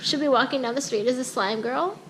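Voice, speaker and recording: A woman, a mother filming her kids at home, narrating in a playful vlog style with lots of excited, laughing exclamations. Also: sits high, a little fast, very noisy. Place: house, indoors.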